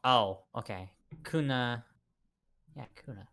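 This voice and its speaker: A man's voice: mid-range voice, slow pace, gravelly, pushed and bright. Bantering, profane man at a game session. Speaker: tabletop role-play player. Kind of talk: casual joking group chat during a game.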